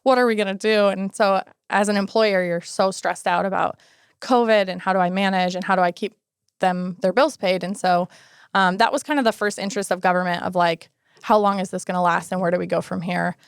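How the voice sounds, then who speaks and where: Woman in her 30s, podcast guest, smooth clear voice, dry close mic, chatty storytelling. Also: medium pitch, fairly quick, dry recording. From Alaska, United States. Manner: storytelling, animated quoted asides. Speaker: guest, city housing and homelessness coordinator. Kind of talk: casual interview conversation.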